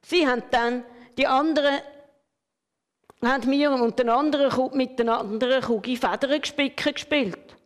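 A woman's voice: high voice, moderate pace, voice pushed up, lightly acted. A woman voicing a shy, naive young male ballpoint pen who stammers, with long hall reverb. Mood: cheerful. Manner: stammering, hesitant.

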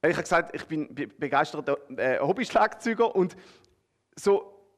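A man with a Swiss German accent preaching a sermon, talking straight to his listeners and swinging between emphatic, rising phrases and hushed, drawn-out ones. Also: fairly high pitch, expressive. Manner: addresses listeners directly with a conversational "oder?".

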